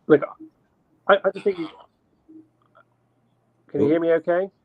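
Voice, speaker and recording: A man's voice: fairly high pitch, fairly even intonation, measured pace. Man on glitchy, warbling call audio. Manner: hesitant, repeats words when starting. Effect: glitchy warbling call audio that breaks up. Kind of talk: casual online discussion. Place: at home. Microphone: video call. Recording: dull lo-fi dry call audio.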